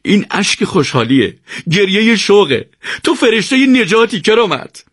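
A man's voice: mid-range voice, slightly rough, no room sound, clean studio sound, natural voice. A man voicing a desperate, emotional young male commander who pleads and cries out. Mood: tearful joy.

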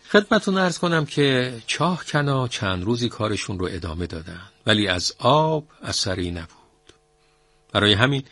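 Male radio storyteller, low gravelly voice, dry close sound, friendly to listeners. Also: a bit bright, no room sound. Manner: friendly, addresses listeners directly.

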